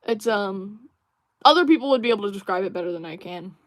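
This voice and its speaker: Young female streamer, casual chatter while drawing, meandering and filler-heavy, close dry sound, middle-pitched. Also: animated, quick pace, dry recording. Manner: rambling, musing, many fillers and restarts; reads viewer chat aloud. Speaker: livestream host.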